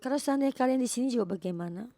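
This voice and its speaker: A woman preaching a sermon in a halting way, repeating words for emphasis. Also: on the high side, animated, dark tone, dry recording.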